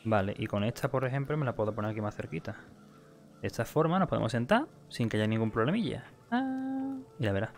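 A man with a Spain accent chatting playfully and casually as a livestream host, reading out comments and repeating himself excitedly. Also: mid-range voice, fast talker. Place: virtual reality room, streaming. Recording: music behind the voice.

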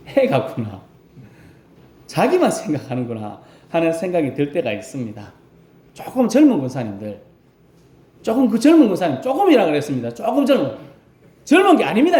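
A male rural pastor preaching a Sunday sermon, asking his congregation questions as he goes. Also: sits high. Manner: animated preaching, asks the congregation questions and acts out voices. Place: church sanctuary. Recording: roomy church echo.

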